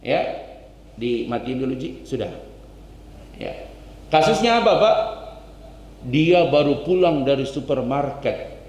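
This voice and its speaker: A man's voice: medium pitch, slow pace, pauses often. A male ustadz giving a dawn mosque sermon, telling stories and addressing the men directly. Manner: animated storytelling, direct address. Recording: echoey mosque hall, faint hum.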